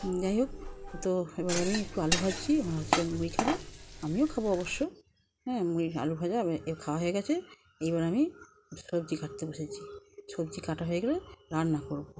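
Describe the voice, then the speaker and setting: A woman chatting softly to viewers as friends while she does household chores. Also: lowish voice, brisk. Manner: speaks softly and quietly. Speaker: vlogger. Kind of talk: casual home vlog chat. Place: house with rooms, kitchen and rooftop. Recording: noisy home recording.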